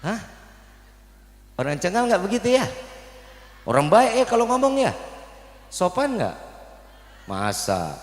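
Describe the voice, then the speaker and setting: A man's voice: high voice, wildly swooping pitch, takes it slowly, pauses often. A man preaching a storytelling sermon at a village religious gathering, joking with the crowd and quizzing them, amplified through a PA system. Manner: playful, jokes and quizzes the audience. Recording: echoey with long hall reverb.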